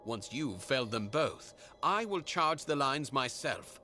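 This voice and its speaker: An actor playing a steady male military commander in a video game, giving measured orders. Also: medium pitch. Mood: resolute. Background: game music.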